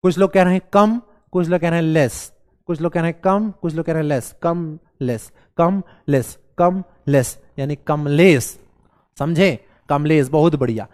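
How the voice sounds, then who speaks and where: सर्दी से बैठे गले और खांसी वाला एक पुरुष शिक्षक, बिहारी लहजे में ऑनलाइन क्लास लेता है, बच्चों को मज़ाकिया ढंग से मनाता और सवाल बार-बार दोहराता है।. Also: male voice, on the high side, moderate pace, a little mellow. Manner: playful, coaxing, repeats questions to the class. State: hoarse with a cold, coughing. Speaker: teacher. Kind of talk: live online class.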